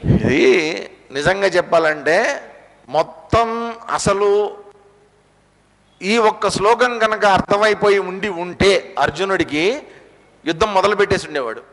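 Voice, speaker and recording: A man's voice: high-pitched, unhurried, gravelly, long pauses, a bit bright. A man giving a spiritual discourse on scripture. He explains pronunciation and asks the audience rhetorical questions. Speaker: Gita discourse teacher. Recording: long hall reverb.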